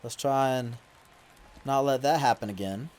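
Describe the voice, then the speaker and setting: A man giving casual play-by-play commentary over his video game, mostly relaxed and now and then complaining loudly about calls. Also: medium pitch, moderate pace. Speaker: gaming YouTuber.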